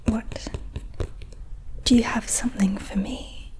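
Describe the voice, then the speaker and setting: A woman's voice: a little high, fairly even intonation. A woman playing a proud, mischievous leprechaun in a whispered role-play, with quaint phrases and lingering repeated words. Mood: musing. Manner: playful, haughty storybook leprechaun with quaint turns of phrase; slow, lingering repetition of words. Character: proud, mischievous leprechaun collector of trinkets and treasures.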